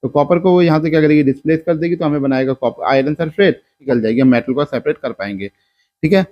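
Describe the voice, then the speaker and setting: A man's voice: on the high side, quick pace, highs cut off. A male science teacher from India giving a lecture, asking and answering his own questions step by step. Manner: explains step by step, asks and answers his own questions, mixes in English terms. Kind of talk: classroom lecture.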